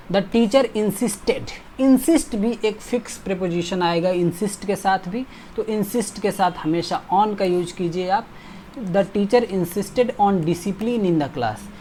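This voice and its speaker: A man teaching an exam-prep grammar lesson, reading example sentences slowly and drawn out and checking in often with short asides. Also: high voice, dark tone, slight background noise.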